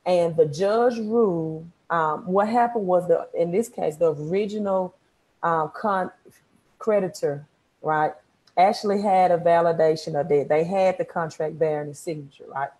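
Lower-pitched woman with a Mississippi accent. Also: moderate pace, mellow, low-quality recording. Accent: Mississippi, Southern US. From Mississippi, United States. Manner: repeats words for emphasis, checks in with "right?". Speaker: credit repair coach. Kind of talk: informal live-stream slide lesson. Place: small room at home, indoors.

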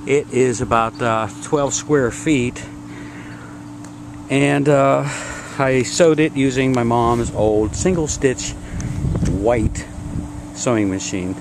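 A medium-pitched man shows off something he built himself, narrating matter-of-factly in a backyard with lots of "uh"s and halting pauses. Wind and outdoor sounds come through the noisy camera audio of this casual DIY show-and-tell.

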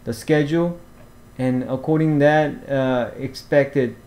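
A man narrates a screen-recorded walkthrough of fishing apps at an unhurried, slow pace. His pitch sits mid-range for a man, and he stops often, filling gaps with "uh" and "um" and restarting his sentences. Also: steady tone, darkish tone. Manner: halting, many fillers and restarts. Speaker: fishing vlogger. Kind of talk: screen-share app walkthrough. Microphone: voice-over to screen recording.

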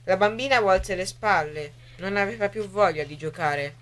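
A woman narrates a storybook in a mid-pitched voice. Her delivery is soft and expressive, and she drops to a hush for the whispered lines. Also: normal speed. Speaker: reader on a radio poetry program. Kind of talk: storybook reading.

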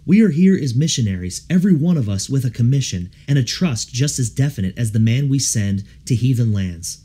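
Reading a devotional book aloud, this man has a mellow, slightly husky voice at medium pitch. His scripted narration is measured and solemn, yet lively rises and falls give it a rhetorical shape.

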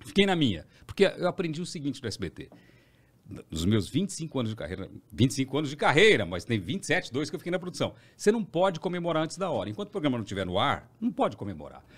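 Lively Brazilian man telling stories. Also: a little high, fast. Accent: Brazilian Portuguese. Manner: animated anecdotal storytelling, acts out voices of others. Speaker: TV presenter guest. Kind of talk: casual podcast chat.

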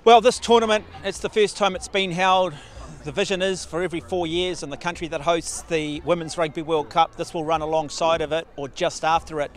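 Middle aged guy hosting rugby pitchside, upbeat, bit high voice. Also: steady tone, brisk, few pauses. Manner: upbeat, punchy. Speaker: sports presenter. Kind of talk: broadcast presenting and interviewing. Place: outdoors on a rugby field. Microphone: handheld reporter mic.

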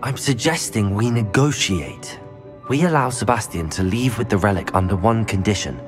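An actor playing a measured, polite teenage wizard student in a game cutscene. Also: male voice, on the low side, animated, over music, close to an everyday voice. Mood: reasoning. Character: diplomatic teenage wizard student, calm and reasoned. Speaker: game protagonist. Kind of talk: video game cutscene acting.

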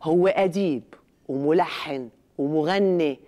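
Speaking unhurriedly in a low, dark voice, a middle-aged Lebanese TV host delivers a scripted satirical monologue in the studio. Her sarcastic rant keeps escalating, full of exaggerated outrage.

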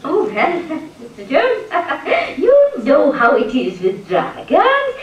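A woman's voice: sits high, huge pitch swings, takes it slowly, dull audio, faint music behind, exaggerated voice. A prim, fussy lady antiquarian. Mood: soothing. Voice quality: prim, insistent questioning. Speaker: voice actor in an animated film. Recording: echoey, distant hall playback with hiss.

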